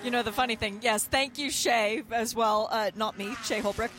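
Chatty motorsport co-commentator over clear engine noise. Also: mid-range voice, steady tone, moderate pace. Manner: chatty, playful banter. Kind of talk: conversational motorsport race commentary. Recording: trackside broadcast with loud engine noise. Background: racing cars and trackside ambience.

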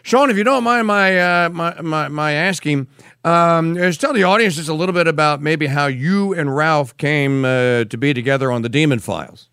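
A man hosting a podcast interview, speaking haltingly with many fillers. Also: fairly high pitch, fairly bright tone, clear, resonant tone, no room sound, studio quality. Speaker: podcast host.

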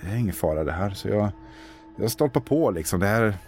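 This player has a fairly low, darkish voice with lively intonation. Describing his character's moves in a tabletop role-playing game, he stammers and thinks aloud hesitantly as faint music plays in the background.

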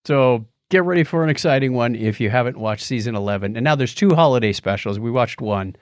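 Reviewing TV shows on a podcast he co-hosts, this man talks casually and recounts moments with quoted asides. His mid-range voice is clear and resonant and moves fairly quickly, in a dry, studio-quality recording.

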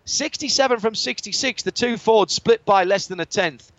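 A man's voice: high voice, moderate pace, no echo. A man giving fluent, descriptive live motorsport commentary as a play-by-play radio commentator. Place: live trackside at a street circuit. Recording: dull band-limited broadcast, loud trackside car noise.

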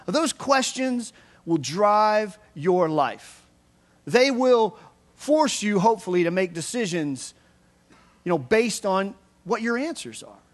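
A man's voice: high voice, animated, slow pace. A man in his thirties, a pastor, giving a chatty, upbeat sermon full of fillers and restarts. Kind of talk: casual sermon.

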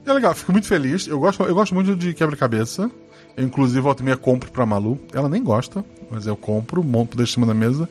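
A man's voice: mid-range voice, animated, fast talker, a little mellow, faint music behind. A man with a Brazilian Portuguese accent hosting a podcast, casually joking and swearing while reading listener comments. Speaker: podcast host.

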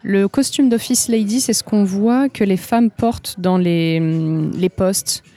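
A woman's voice: mid-range voice, measured pace, warm tone. A woman from France, an interview guest, explaining things at length with frequent hesitations. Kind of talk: conversational interview.

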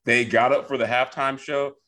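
A man's voice: mid-range voice, flat delivery, moderate pace, sharp tone. A man hosting a sports podcast, moving the segments along in a playful, teasing way. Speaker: podcast host. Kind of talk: casual sports chat.

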